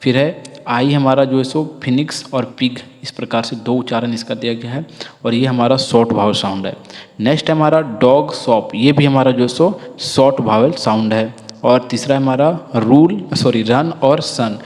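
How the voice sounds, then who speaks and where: A man gives a patient classroom-style phonics lesson. He drills through word lists and often asks listeners to repeat after him. His voice sits at an ordinary pitch, and it rings with a long reverb as if he were recording in a big hall. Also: moderate pace, a little mellow. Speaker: English teacher.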